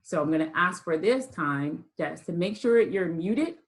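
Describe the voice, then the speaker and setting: A lower-pitched woman leads a college writing class over a video call. She speaks casually and often pauses with ums and restarts. Her voice sits on the deep side for a woman. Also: lively intonation, low-quality recording. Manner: hesitant, many ums and restarts. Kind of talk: online class lecture.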